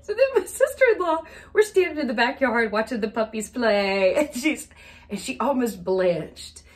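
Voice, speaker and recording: A woman's voice: fairly high pitch, very animated, moderate pace. A woman telling funny personal stories in a casual monologue, laughing often as she talks. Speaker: wellness storyteller.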